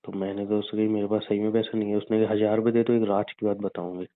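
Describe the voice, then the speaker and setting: This young adult man talks fast in a fairly low, level voice while casually teasing and bickering with his girlfriend over the phone. The audio has that narrow, tinny phone-line quality.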